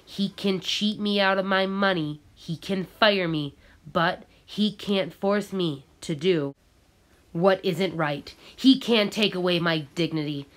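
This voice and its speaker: A woman's voice: fairly low pitch, slow pace. A woman reading aloud, voicing a proud male farmworker who speaks defiantly in a storybook. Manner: defiant, impassioned.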